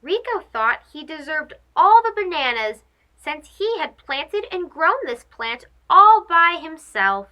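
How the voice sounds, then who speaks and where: A high, unhurried female voice leads a children's story session. She brings the book to life with animated narration, often turning to speak right to the young audience.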